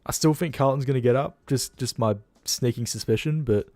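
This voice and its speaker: Tired Australian man, dark voice. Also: medium pitch, fairly quick, no room sound, faint music behind. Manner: rambling, blunt, swears freely. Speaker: livestream host. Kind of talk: casual livestream chat.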